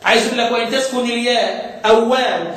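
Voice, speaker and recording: Egyptian man, high-pitched, teaching, quizzing students, echoey hall, distant mic. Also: fairly even intonation, a bit bright. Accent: Egyptian Arabic. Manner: asks students questions and repeats key terms slowly. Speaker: Quran recitation teacher. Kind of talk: explanatory lesson to students. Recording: echoey room, distant mic, faint noise.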